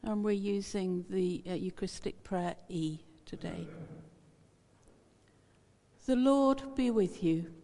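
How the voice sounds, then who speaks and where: A woman priest leads communion in a measured, solemn intoning voice, heard in a long cathedral echo. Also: medium pitch, dark tone. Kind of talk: reciting a liturgical prayer. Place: large church. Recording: cavernous church reverb, distant.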